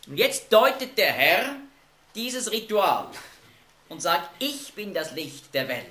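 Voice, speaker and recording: A man's voice: sits high, big pitch swings, slow, sharp tone, reverberant, a little hiss or hum. A man teaching a Bible study group, explaining verses emphatically and asking the group questions.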